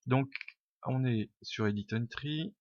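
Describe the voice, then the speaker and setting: Speaking slowly in a mid-range voice, this man thinks aloud through an off-the-cuff coding tutorial on a screen recording, full of fillers and casual self-mockery. He's a programming tutor recording in a home room on a dull, lo-fi mic, and the sound is dry without echo.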